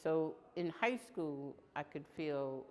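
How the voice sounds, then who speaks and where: A woman in her sixties from Long Island, New York, giving plain, unhurried answers in an oral history interview that trail off quietly. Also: low voice, lively intonation, a little hiss or hum. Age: 60s. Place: indoor room in downtown New York.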